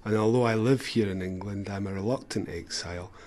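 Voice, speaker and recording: A man with a fairly low voice talks earnestly in a relaxed chat. He often stumbles over the first words of a thought before carrying on. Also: fairly quick. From Scotland. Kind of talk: casual chat.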